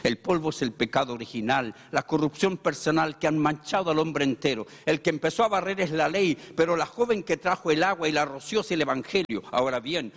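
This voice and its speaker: A man preaching a sermon as a pastor, with an emphatic delivery that rises sharply on key words. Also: on the high side. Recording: long hall reverb.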